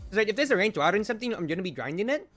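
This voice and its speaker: A man streaming a game, chatting casually and rambling, with loud outbursts when the play gets exciting. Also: sits high, very fast, faint music behind. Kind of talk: casual gameplay commentary.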